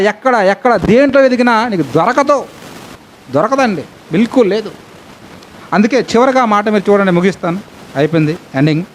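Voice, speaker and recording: A middle-aged man teaching a Bible lesson as a sermon, lively and full of rhetorical questions. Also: high-pitched, slight background noise. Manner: animated, asks many rhetorical questions.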